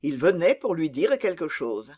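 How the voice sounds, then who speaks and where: A narrator giving a steady, expressive scripted reading of a classic novel. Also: mid-range voice, moderate pace, husky.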